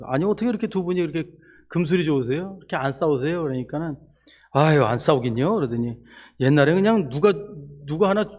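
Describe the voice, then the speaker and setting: A man's voice: fairly high pitch, darkish tone. A man preaching a conversational sermon to a congregation, asking them questions and answering them himself, and affirming his points with a short word. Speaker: missionary preacher. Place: church service.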